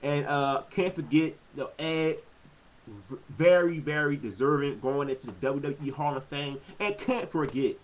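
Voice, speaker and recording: A man casually giving his own commentary on wrestling episodes, animated and quick to exclaim. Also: a little high, poor audio. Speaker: wrestling fan vlogger.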